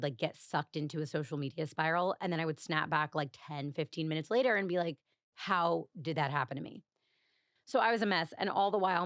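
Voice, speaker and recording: A woman hosts her solo podcast and talks through a personal story in a loose, confessional ramble. She leans on "like" and small laughs as she goes. Her voice sits a little low, and the recording is close and dry. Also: a bit bright, no room sound. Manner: chatty and confessional, heavy use of "like", frequent small laughs. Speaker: podcast host.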